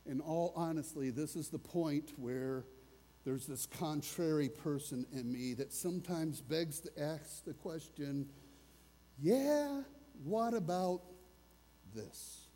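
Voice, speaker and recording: A man's voice: fairly high pitch, warm tone, breathy edge, big-room sound. A man preaching a sermon as a pastor, earnest and conversational, asking his listeners questions as he goes.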